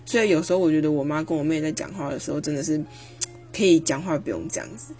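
A young woman, talking through a personal reflection on her podcast with animated emphasis. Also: low-pitched, fast talker, soft background music. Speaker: podcast host.

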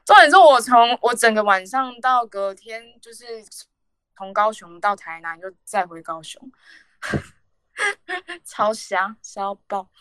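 A woman's voice: a little high, sing-song, slow pace, long pauses, a bit bright, clear, resonant tone, no room sound. A young woman, rambling through a casual story on a podcast with many fillers and restarts. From Taiwan. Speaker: podcast co-host.

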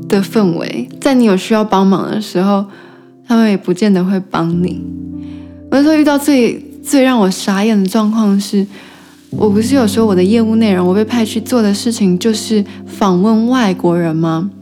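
A woman's voice: medium pitch, moderate pace, dark tone, faint music behind. A woman from Taiwan with a Taiwanese Mandarin accent tells stories casually as a podcast host, her articulation slightly impeded by braces. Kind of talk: casual solo storytelling chat.

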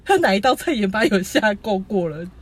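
Husky Taiwanese-accented podcast co-host. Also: medium pitch, fairly quick. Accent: Taiwanese Mandarin. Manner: animated storytelling, laughs often. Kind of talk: casual chat.

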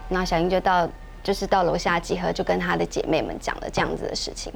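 A woman, co-hosting a podcast and telling a ghost story in a chatty, measured way with many fillers. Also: lowish voice, fairly even intonation, vocal fry, faint music behind. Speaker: podcast co-host.

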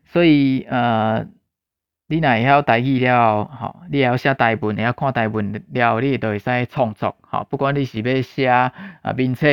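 Man teaching in an unhurried, repetitive way. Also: mid-range voice, fairly even intonation, smooth, no room sound. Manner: unhurried, repeats phrases, ends lines with a tag particle. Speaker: language teacher. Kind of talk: casual spoken lesson. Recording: dull lo-fi dry recording.

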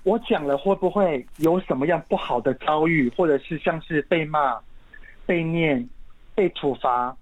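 A man with a Taiwanese Mandarin accent, a parenting educator talking as a podcast guest in a calm, earnest way, explaining through everyday examples. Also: a little high, moderate pace. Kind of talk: casual podcast interview. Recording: muffled lo-fi sound.

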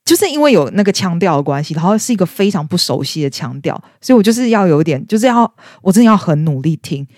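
A young woman in her twenties chats at a brisk clip on a podcast and tells a personal story. She acts out the quoted lines in bright, raised voices. Her voice sounds close and dry. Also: fairly low pitch, very animated, no echo. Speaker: podcast co-host. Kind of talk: casual storytelling chat.

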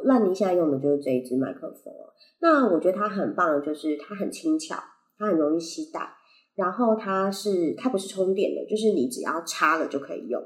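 A woman with a lowish, slightly mellow voice hosts a casual solo podcast, speaking with a Taiwanese Mandarin accent and slightly unclear articulation because of braces. Her style is rambling, playful and self-correcting. The compact condenser microphone plugged into her phone picks up a roomy, echoey sound.

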